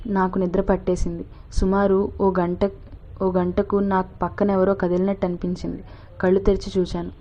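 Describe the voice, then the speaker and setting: A woman narrating a story as an audiobook reader, calm and steady, in a dull lo-fi recording. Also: medium pitch, moderate pace.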